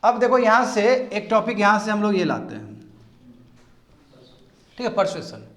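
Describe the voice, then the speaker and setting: High-voiced man lecturing a class. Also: a little slow. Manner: animated, asks students rhetorical questions. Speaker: teacher. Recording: echoey classroom.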